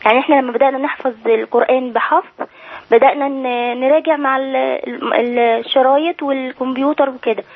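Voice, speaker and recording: A woman's voice: high-pitched, fairly even intonation, fast talker, husky. A woman with an Egyptian accent calling in to a show, polite and hesitant, repeating herself as she speaks. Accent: Egyptian Arabic. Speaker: phone-in caller. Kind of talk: polite phone call to a broadcast. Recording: tinny phone line.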